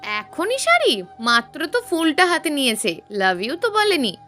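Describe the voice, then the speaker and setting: Casting: a woman doing taunting college girls in an audio story, bright and lively. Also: sits high, measured pace, soft background music, heavily acted. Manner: mocking, goading. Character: teasing young female college friends.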